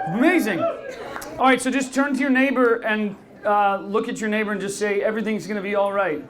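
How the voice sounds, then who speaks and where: A man's voice: high voice, noisy background. A man hosting a live podcast, talking with an upbeat, chatty manner and often asking the crowd questions. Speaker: podcast host. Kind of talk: live podcast talk to an audience. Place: bar venue with a live audience.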